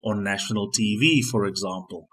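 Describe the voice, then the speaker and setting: A South African man with a husky, slightly rough voice works as a broadcast interviewer. A native Afrikaans speaker, he phrases his questions deliberately and articulately, in a measured way. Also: lowish voice, fairly bright tone.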